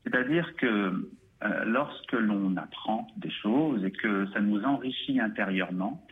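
A man speaking as a guest on religious teaching, measured and thoughtful, sometimes searching for his words. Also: fairly low pitch, slight background noise. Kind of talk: measured explanatory talk. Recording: tinny phone-line sound.

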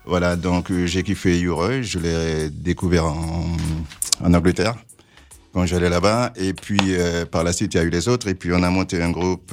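A man from French Guiana, a reggae singer, answering in a laid-back, halting way. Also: low voice. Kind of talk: casual interview answers.

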